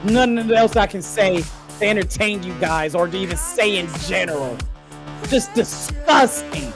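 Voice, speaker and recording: A fan host calling a basketball game live, with profane, exasperated rants that burst into shouting and dry sarcastic asides. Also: medium pitch, moderate pace. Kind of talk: live game reaction and play-by-play commentary. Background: faint background music.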